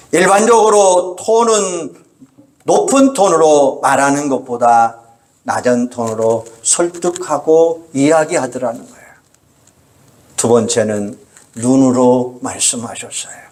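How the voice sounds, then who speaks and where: A male pastor preaching with earnest, measured delivery. His voice sits a little higher than most men's. He often stops to quote scripture. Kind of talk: sermon.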